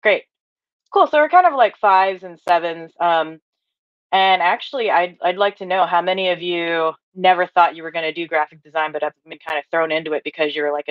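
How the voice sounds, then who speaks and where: Her voice sits low, and there's no room sound at all. She's a woman in her thirties from Hawaii, an upbeat workshop trainer teaching online from a home office, reading chat responses with many fillers, captured by a laptop or webcam mic in dry, dull, lo-fi call quality.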